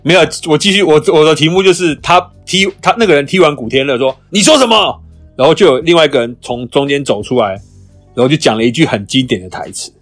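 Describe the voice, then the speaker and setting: A man's voice: on the high side, faint music behind. A man co-hosting a casual podcast chat, retelling movie scenes with acted-out lines. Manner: fast, animated storytelling with acted-out movie lines. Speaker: podcast co-host.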